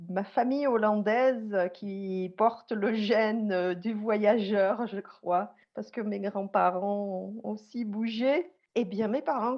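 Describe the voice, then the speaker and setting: A Swiss-born woman telling her life story as a podcast guest, pausing often with fillers and restarts. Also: mid-range voice, highs cut off. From Switzerland. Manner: hesitant, many fillers and restarts. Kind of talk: conversational interview storytelling.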